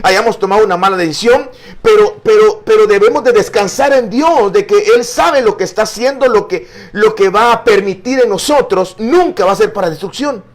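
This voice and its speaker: Earnest and explanatory, a male pastor teaches a Bible study in a high voice at a moderate pace. His speech is full of fillers and repeated words, and he refers to listeners as brother.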